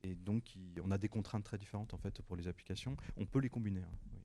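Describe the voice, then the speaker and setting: A man's voice: sits low, fast talker, warm tone. A man answering audience questions at a conference, technical and hesitant with repeats.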